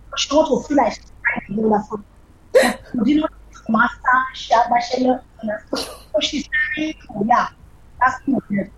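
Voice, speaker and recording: A woman chatting casually as an interview guest, halting often and filling gaps with "you know" and "uh" while she looks for words. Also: high-pitched, highs cut off, a little hiss or hum. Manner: halting, searching for words with many fillers. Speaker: guest, character performer.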